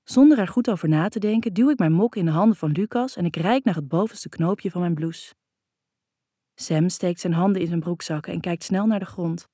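A woman narrates a first-person novel in a calm, even reading voice. Her voice sits fairly low and the recording is dry and close, with no room sound. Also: brisk, husky, dry recording. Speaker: audiobook narrator.

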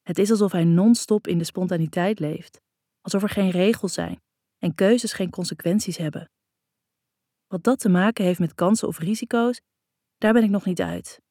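A woman's voice: lowish voice, normal speed, warm tone, dry recording, clean studio sound. A woman narrating a first-person novel in an intimate, reflective way. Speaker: audiobook narrator.

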